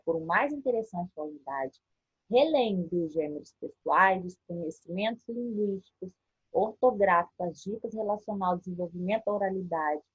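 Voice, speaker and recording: Husky-voiced Brazilian woman teacher, patient and step by step, on a dull lo-fi home recording. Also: mid-range voice, a little mellow. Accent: Brazilian Portuguese. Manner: patient, explains step by step with frequent "tá?" check-ins. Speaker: primary school teacher. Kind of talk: recorded remote lesson walking through a workbook.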